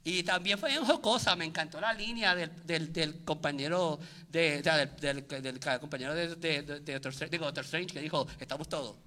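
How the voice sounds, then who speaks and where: Male co-host, bright tone, lively storyteller with many restarts. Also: fairly high pitch, moderate pace, few pauses. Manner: animated, acts out his own reactions, many restarts. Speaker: podcast co-host. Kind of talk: casual chat.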